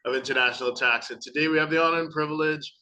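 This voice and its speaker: Host guy, bright sharp voice, politely asking his guest stuff. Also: fairly high pitch, steady tone, low-quality recording. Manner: polite, measured questioning. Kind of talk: interview questions.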